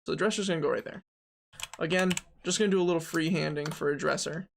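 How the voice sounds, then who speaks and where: A man's voice: a little high, steady tone, quick pace, vocal fry, a little hiss or hum. A young man streaming game development, chatting casually, thinking aloud and answering his chat as he models.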